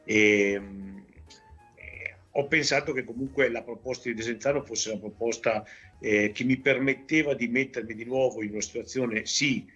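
A man in his fifties from Veneto, a football coach answering interview questions in a measured way, with frequent hesitations and restarts. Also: mid-range voice, a bit bright, husky, lo-fi sound, soft background music. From Veneto, Italy. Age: 50s.

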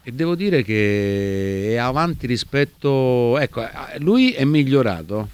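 A man's voice: mid-range voice, big pitch swings, unhurried, darkish tone, smooth, no room sound. A man talking football on a studio show, animatedly retelling plays with little sound effects. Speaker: football pundit on a talk show. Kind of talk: casual football debate.

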